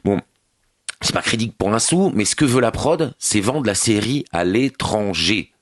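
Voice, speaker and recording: A man delivering a scathing radio TV review with slangy sarcasm. His voice is low and the studio sound is dry and close. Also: animated, moderate pace, no echo. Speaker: TV critic columnist on a radio morning show.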